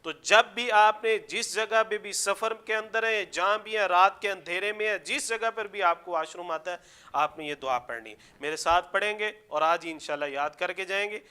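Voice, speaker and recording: A young man teaching a recitation class, explaining pronunciation and supplications to his students, then chanting phrases slowly for them to repeat. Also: high-pitched, pushed and bright, clean tone.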